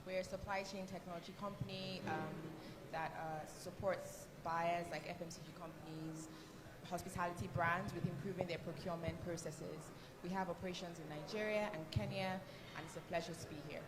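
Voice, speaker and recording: A woman's voice: fairly low pitch, fairly even intonation, fairly quick. A woman introducing herself as a company founder on a conference panel. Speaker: panelist, startup chief executive. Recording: noisy conference room.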